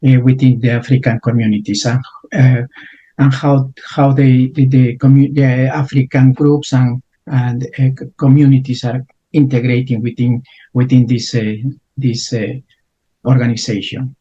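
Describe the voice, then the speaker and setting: A man's voice: mid-range voice, flat delivery, normal speed, dark tone, dull audio. A man hosting an interview, asking long questions with many restarts and fillers. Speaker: interview host.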